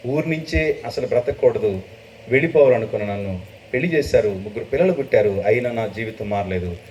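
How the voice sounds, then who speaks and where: A middle-aged man preaching a testimony sermon, telling his story with emotion and rising to loud, high bursts. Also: expressive, fairly quick. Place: church gathering. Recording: distant dull mic with faint noise.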